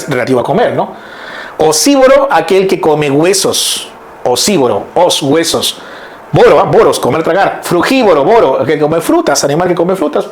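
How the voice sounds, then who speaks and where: A middle-aged man teaching a class on word roots, explaining step by step and often checking whether his students follow. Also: fairly high pitch. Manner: lively, explains step by step, keeps checking in with listeners.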